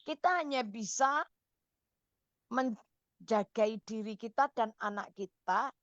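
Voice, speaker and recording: A woman counselor on a radio call-in show, giving motherly advice in a lively, caring way. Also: on the high side, slow, no echo, muffled recording.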